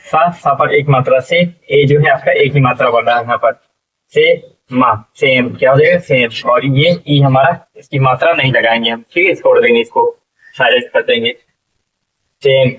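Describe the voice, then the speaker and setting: A man's voice: mid-range voice, normal speed, fairly bright tone. A man teaching English phonics in a spoken lesson, spelling words letter by letter, repeating them and asking what each becomes. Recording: distant, dull lo-fi classroom recording.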